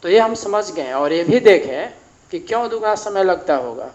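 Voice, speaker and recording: Male teacher, high voice, unhurried, repeats definitions, dull lo-fi recording. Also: lively intonation, a little mellow. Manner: slow, explanatory, repeats definitions. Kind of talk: board lesson on grammar.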